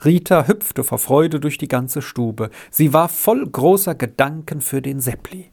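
Slow, gravelly male storyteller. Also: a little high, darkish tone. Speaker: audiobook reader. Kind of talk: scripted narration.

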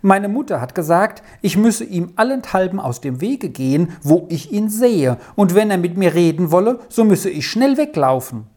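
A woman voicing a gentle, easily frightened young girl in a children's story, pleading anxiously. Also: fairly low pitch, sing-song, moderate pace, few pauses.

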